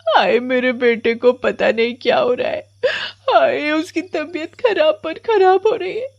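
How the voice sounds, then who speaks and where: Cartoon storybook: a cruel mother, voiced by a woman, scolding and shrill. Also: moderate pace, no echo, highs cut off, close to an everyday voice. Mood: distraught.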